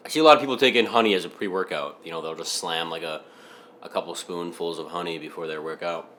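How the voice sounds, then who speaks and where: A man's voice: deep voice, quick pace, fairly bright tone, slight background noise. A young man talking casually in his kitchen as a fitness vlogger, rambling and musing aloud with a slightly groggy morning voice. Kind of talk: casual vlog chat. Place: home kitchen.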